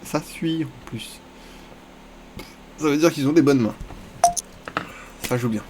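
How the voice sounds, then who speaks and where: A man giving live commentary on his own online poker game, talking to himself and the other players in crude casual slang and often breaking into high-pitched squeals. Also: slow, noisy background.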